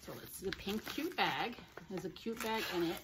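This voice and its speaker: A woman chatting casually as she unboxes parcels at home, gushing and excited, often talking to her dogs. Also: medium pitch, normal speed, background noise. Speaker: vlogger. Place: home, indoors.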